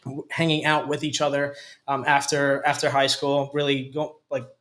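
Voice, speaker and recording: A man in his twenties, originally from Hungary, telling his story as a guest in a studio interview with frequent pauses and restarts. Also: mid-range voice, flat delivery, a bit bright. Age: 20s. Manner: hesitant, many fillers and restarts. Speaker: company COO, guest. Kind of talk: casual interview talk.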